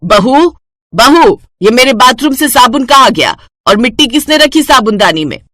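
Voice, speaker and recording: A woman voicing a stingy elderly mother-in-law in a storybook tale, in a lower, complaining voice. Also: very animated, moderate pace, bright, forceful tone, dry recording, studio quality, exaggerated voice. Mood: irritated. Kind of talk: storybook voice acting.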